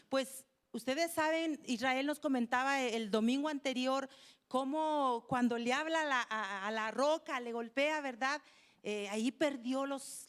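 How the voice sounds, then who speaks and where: High-voiced woman preaching. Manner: conversational preaching, asks the congregation questions. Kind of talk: sermon. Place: church.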